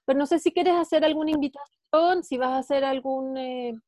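A woman hosting an interview who speaks gently and gratefully, with hesitant fillers. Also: sits high, brisk, no room sound, rough recording. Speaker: host. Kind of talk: interview host.

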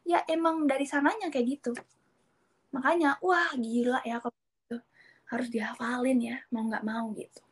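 A woman speaking as a guest in a casual chat about learning Japanese, animated and acting out what other people say. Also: sits high, normal speed, slightly rough. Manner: animated, acts out quoted speakers.

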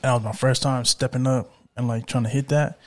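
A man's voice: medium pitch, level tone, brisk. Laid-back young man, casual chat. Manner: laid-back, frequent "you know what I'm saying". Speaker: musician guest.

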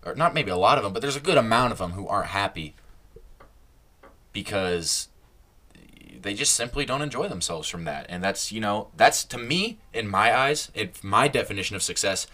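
A man's voice: lowish voice, lively intonation, moderate pace, bright, forceful tone. A young man hosting a casual solo podcast, rambling and stopping himself mid-sentence, laughing at his own slips. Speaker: podcast host.

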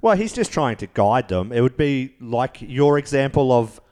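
A man's voice: medium pitch, big pitch swings, moderate pace, darkish tone. A man co-hosting a podcast in playful, slangy, casual chat about television. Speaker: podcast co-host. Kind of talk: casual banter reviewing a TV show.

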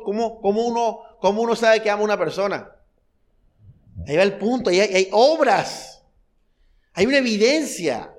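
In a church hall, an impassioned pastor delivers a sermon in a voice a bit high for a man. Repeated phrases and rhetorical questions pour out at the congregation as he moves from quiet, low passages to loud, high-pitched outbursts.

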